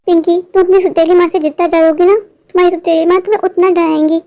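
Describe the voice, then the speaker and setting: A woman's voice: very high voice, steady tone, fast talker, dark tone. A performer voicing a stubborn but protective young boy who reassures his friend in a cartoon. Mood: reassuring stubborn.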